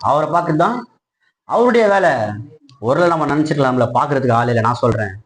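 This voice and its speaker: A man preaching a passionate sermon, putting questions to his congregation and building to loud, high-pitched peaks. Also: quick pace, faint music behind, poor audio. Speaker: pastor.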